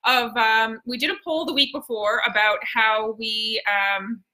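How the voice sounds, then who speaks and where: A woman's voice: a little high, fairly even intonation, unhurried, pushed and bright, rough recording. A woman with a Newfoundland accent hosting a casual live stream, chatty and exclamatory, with plenty of slang. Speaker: host.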